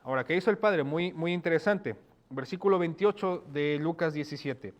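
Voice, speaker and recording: A man's voice: fairly high pitch, moderate pace. A man preaching a sermon, asking rhetorical questions and checking in with his listeners.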